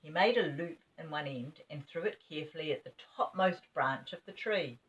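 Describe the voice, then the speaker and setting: An older woman with a low voice reads a children's story expressively at normal speed, like a grandmother would. The home recording sounds dull and distant.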